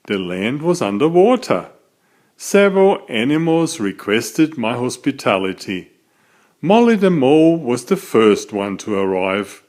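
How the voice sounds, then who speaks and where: This mid-range male voice belongs to the author of a children's story, who reads it aloud with expressive, unhurried storytelling.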